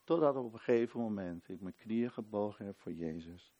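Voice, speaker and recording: Male preacher, loud proclamations, hushed prayers. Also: fairly low pitch, lively intonation, brisk, muffled recording. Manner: emphatic, often repeats a phrase for weight. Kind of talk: sermon. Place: church service.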